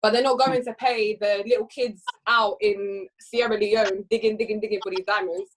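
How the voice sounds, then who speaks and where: Animated woman chatting, kinda breathy voice, middle pitch, lists stuff off fast as questions. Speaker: co-host. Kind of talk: casual chat.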